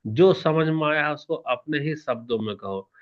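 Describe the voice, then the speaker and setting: A male teacher giving an exam-prep lecture in a lively manner, asking questions and answering them himself while shifting between soft and loud. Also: fairly high pitch, moderate pace, highs cut off. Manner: animated, varies loudness and pace, asks questions and answers them himself.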